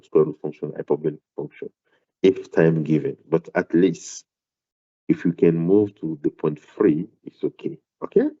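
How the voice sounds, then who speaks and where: The lecturer, a man with a very low voice and an accent foreign to English, not South African, stumbles through his online maths lesson with repeated words and filled pauses. The audio comes through a computer mic on the call, sounding dull and muffled.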